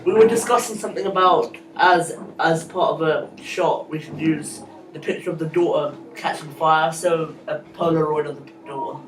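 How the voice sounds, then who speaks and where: A man's voice: on the high side, moderate pace, a little hiss or hum. A young British man in his late teens in a student meeting, speaking hesitantly with ums and restarts. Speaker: student in a group planning meeting. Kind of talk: casual group discussion. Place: school classroom. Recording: distant, echoey classroom recording.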